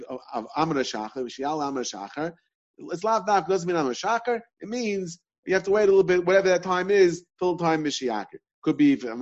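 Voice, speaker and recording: A man's voice: fairly high pitch, a little mellow, muffled recording. Man teaching a Talmud class. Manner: repetitive, questioning, restarts often.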